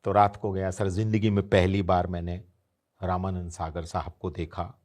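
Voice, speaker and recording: A man's voice: sits low, level tone, moderate pace, a little mellow. A man in his fifties, an interview guest, telling an anecdote and acting out the voices of the people he quotes. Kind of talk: storytelling anecdote.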